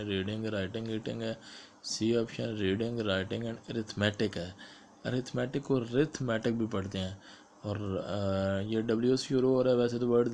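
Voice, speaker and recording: A man with a Pakistani accent explaining exam questions step by step, like a teacher, and reading the questions out slowly. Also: fairly low pitch, a little mellow, a little hiss or hum. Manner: explains step by step, mixing English terms into Urdu, reads questions aloud slowly. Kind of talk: explanatory exam-prep lecture.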